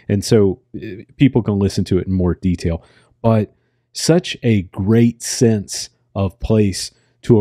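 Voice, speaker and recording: An American man hosts a podcast conversation in a warm, rather low voice. He talks in an unhurried, reflective way, often pausing to find the right word. The sound is dry and close. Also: no room sound. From United States. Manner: unhurried, reflective, searching for words. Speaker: podcast host. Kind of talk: casual interview conversation.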